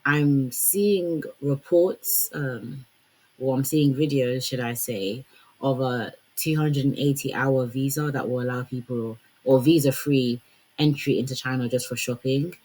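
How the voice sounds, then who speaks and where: A woman's voice: extremely low pitch, measured pace, darkish tone, breathy edge, rough recording. A young woman giving casual commentary on fashion and branding, chatty and full of fillers. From Congolese heritage. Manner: conversational, lots of fillers like "like" and "you know".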